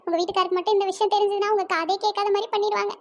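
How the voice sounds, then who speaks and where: Woman doing a squeaky, cheeky young cartoon woman. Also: level tone, racing. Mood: teasing. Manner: teasing, giggly, sing-song.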